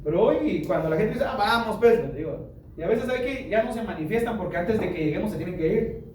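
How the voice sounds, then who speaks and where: A high-voiced male pastor preaches in a lively, colloquial way, acting out the people he quotes. He is picked up from a distance in a very echoey church hall with a faint noise underneath. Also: fairly quick. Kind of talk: sermon.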